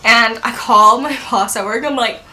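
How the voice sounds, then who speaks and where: Young woman vlogging, chatty storytime, rambling with lots of "like", fairly high voice, bright and sharp tone. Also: moderate pace. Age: 20s. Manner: chatty, rambling, heavy use of "like". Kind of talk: casual storytime vlog.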